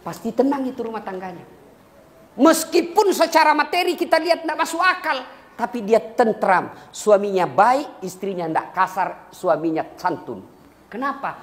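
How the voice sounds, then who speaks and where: A man preaching a humorous sermon to a congregation, lively and joking, sometimes breaking into a few lines of song. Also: high voice, moderate pace. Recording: echoey hall with faint ambience.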